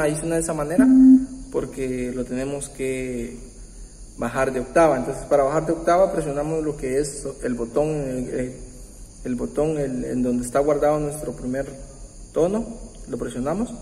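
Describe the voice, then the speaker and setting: A man hosting a keyboard tutorial, explaining step by step in a patient, halting way with many pauses and restarts. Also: mid-range voice, slight background noise. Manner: warm, patient, uses religious greeting. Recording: roomy, echoey room with long reverb. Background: faint keyboard music.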